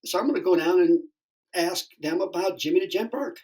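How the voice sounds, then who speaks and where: A man's voice: sits high, brisk, low-quality recording. Rambling comedian man in his sixties. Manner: rambling, animated, profane, many fillers and restarts. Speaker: stand-up comedian and guest. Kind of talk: casual storytelling interview.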